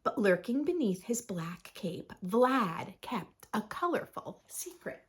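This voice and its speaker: With a soft, slightly husky voice, a female storybook host performs a lively read-aloud for young children. Her pitch swoops dramatically, and she lingers on important phrases and pauses for effect.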